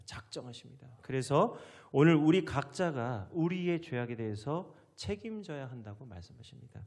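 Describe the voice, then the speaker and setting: A male pastor delivering a sermon, dramatically acting out the biblical figures' words and dropping to hushed asides. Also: medium pitch. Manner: dramatic, acts out biblical voices with sharp rises and drops to near whisper.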